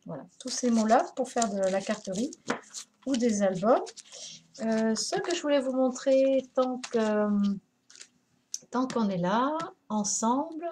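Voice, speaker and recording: Woman, fairly high voice, casual live stream chat, hesitant fillers, greets viewers. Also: expressive, measured pace, pauses often, darkish tone, a little hiss or hum. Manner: chatty, greets viewers by name, many hesitations. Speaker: craft shop owner hosting a live stream.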